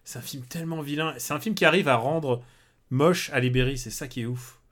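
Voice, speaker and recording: Man, podcast co-host, casual chat, medium pitch, hesitant fillers, blunt. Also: a little fast, fairly bright tone.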